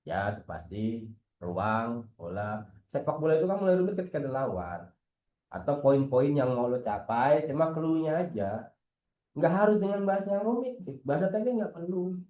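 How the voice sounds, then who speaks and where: A man's voice: on the high side, normal speed, echoey room. A man, a football coach talking casually in an internal team meeting, teasing and asking rhetorical questions. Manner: lively, slangy, teasing, asks rhetorical questions.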